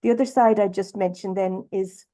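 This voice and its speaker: Irish woman, webinar guest, warm low-toned voice, halting delivery, drifts between two languages. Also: steady tone, poor audio. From Ireland. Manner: hesitant, many ums and restarts, switches between Irish and English. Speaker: webinar speaker. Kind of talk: bilingual webinar talk.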